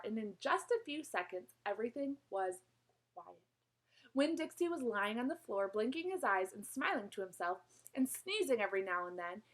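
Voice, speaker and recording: Expressive woman reading a storybook aloud, fairly high, lively pitch, small slips. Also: low-quality recording. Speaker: reader. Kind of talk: reading a children's novel aloud.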